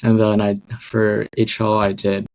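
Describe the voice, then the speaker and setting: Young man with gravelly low voice. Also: completely flat delivery, unhurried, a little mellow, low-quality recording. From Hong Kong. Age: young adult. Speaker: podcast guest. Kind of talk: casual interview.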